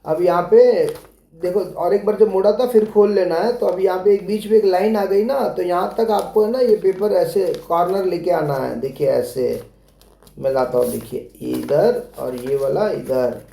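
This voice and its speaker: A man's voice: high-pitched, normal speed, creaky, dark tone, roomy sound. A man explaining a children's textbook lesson, patiently spelling words out letter by letter. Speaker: teacher.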